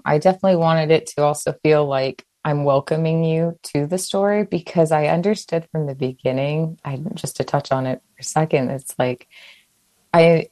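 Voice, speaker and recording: Very low-voiced chatty woman author. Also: a little mellow, dry recording. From Hawaii. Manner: quick, chatty, many "like" fillers and restarts. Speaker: author, guest. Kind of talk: casual interview answers.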